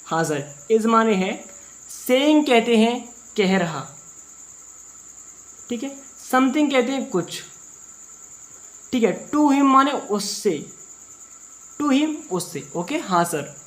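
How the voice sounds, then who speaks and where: A man with an Indian accent teaching English through Hindi, reading English sentences slowly word by word and explaining each word again and again. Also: extremely high pitch, sing-song, a bit bright.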